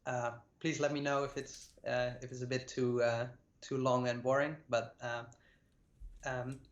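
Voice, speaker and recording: A Dutch compositing artist in his late twenties talks casually about his career as a class guest, hesitating with many "uh" fillers and repeated words. His middling-pitched voice stays level, and the sound is echoey, dull and lo-fi, as if over a call.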